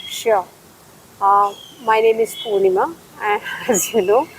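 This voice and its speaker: A middle-aged woman from Bangalore with an Indian English accent, a historian guest talking in an interview, pausing often with fillers. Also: mid-range voice, a little hiss or hum, poor audio. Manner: thoughtful, many fillers and pauses. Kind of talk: conversational interview.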